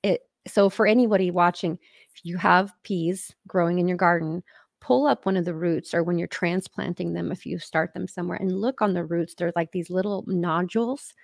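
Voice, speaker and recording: A woman's voice: lowish voice, moderate pace, vocal fry, dry recording, clean studio sound. A woman hosting a casual podcast chat on a video call from home, rambling along with lots of fillers. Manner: chatty and rambling, many fillers. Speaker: podcast host.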